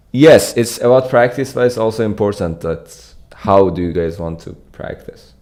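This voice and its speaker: Using a studio mic on an arm in his small, dim, pink-lit room, a young Iranian man streaming competitive programming reads out live chat and replies easily. His voice is lowish and his pace measured.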